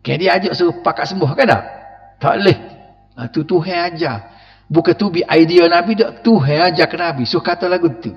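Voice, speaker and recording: Lively Kelantanese Malay preacher in a reverberant hall. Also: male voice, a little high, a little fast. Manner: lively, laughing, acts out quoted voices, questions the audience. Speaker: religious lecturer. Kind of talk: mosque evening lecture explaining Quran verses. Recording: muffled recording with long reverb.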